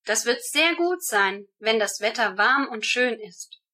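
Her voice, clear, bright and a little high, moves steadily through rehearsed responses. She's a student working through questions in a speaking exam.

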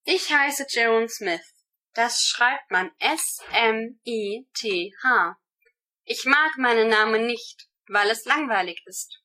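Answering exam questions she has prepared for, a woman speaks in an even, measured recital. Her tone is bright and clear, pitched slightly high.

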